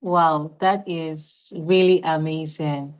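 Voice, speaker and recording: Lady interviewer from nigeria, lowish voice, says wow that's amazing a lot, muffled sound. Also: fairly even intonation. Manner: encouraging, quick to praise answers. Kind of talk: interview hosting. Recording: dull lo-fi sound.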